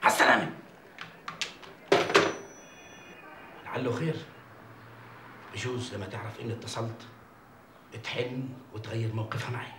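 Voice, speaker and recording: An actor playing Sabri, a scheming, flustered landlord and engineer, speaking Jordanian Arabic with blustering pleas. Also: male voice, mid-range voice, steady tone, fast, reverberant, recorded from a distance, very noisy, natural voice.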